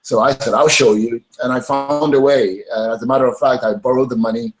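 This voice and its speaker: A man's voice: medium pitch, fast talker, music in the background, low-quality recording. A middle-aged man, a guest in an interview, telling his story with energy and often acting out what others said. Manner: animated, acts out quoted dialogue.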